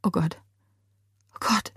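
A woman's voice: medium pitch, normal speed, darkish tone, no echo, clean studio sound, lightly acted. A woman voicing a frightened young woman who stammers and gasps through the shock of seeing a murder. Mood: sobbing. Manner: breathless, stammering under shock.

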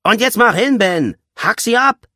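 A man's voice: mid-range voice, very animated, moderate pace, dry recording, studio quality, pitched above the performer's own voice. A man voicing a brutal, bullying teenage gang leader who barks harsh, contemptuous orders. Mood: menacing.

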